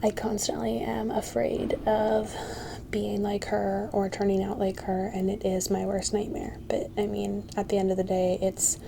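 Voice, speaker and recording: A woman giving a whispered ASMR pep talk, soft and halting, reassuring and encouraging. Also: mid-range voice, level tone, gravelly, noisy background. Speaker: ASMR creator.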